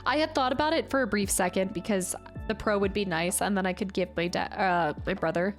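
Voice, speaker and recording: A woman hosts a casual live stream, chatting while she builds, murmuring to herself and answering viewers over background music. Her medium-pitched voice moves at a brisk pace and sounds slightly congested.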